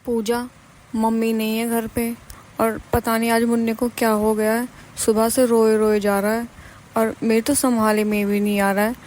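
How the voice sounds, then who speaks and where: A young cartoon daughter-in-law, weary and pleading, voiced by a woman. The voice is fairly high and very flat. There is a faint hiss behind it. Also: normal speed, lightly acted, low-quality recording. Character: young tired put-upon daughter-in-law.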